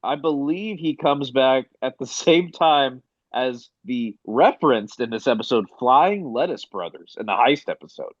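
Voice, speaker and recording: A man hosts a relaxed podcast discussion, steering the talk with a ready laugh. His voice sits in a middling pitch. The recording is dry and a bit dull, like a budget home mic. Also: measured pace, few pauses, no room sound. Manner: laughs often, leads the discussion. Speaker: podcast host. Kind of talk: casual chat.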